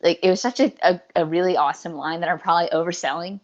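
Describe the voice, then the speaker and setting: A woman's voice: on the low side, fairly even intonation, quick pace, highs cut off. A woman co-hosting a podcast in casual chat, eager and rambling, often restarting her sentences. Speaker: podcast co-host.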